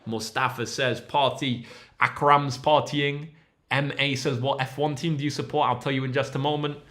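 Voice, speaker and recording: A man's voice: medium pitch, steady tone, normal speed, pushed and bright. A young man, a maths tutor hosting a casual livestream, upbeat and encouraging as he reads out viewers' names from the chat.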